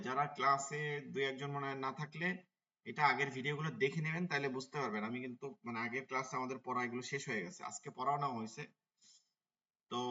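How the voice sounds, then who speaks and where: A man teaching an online Quran reading class, spelling out letters and vowel marks, chanting words slowly and answering his own questions. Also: medium pitch, pushed and bright, distant mic, muffled recording. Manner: drills syllables, then chants words slowly in a sing-song; asks the class questions and answers them himself.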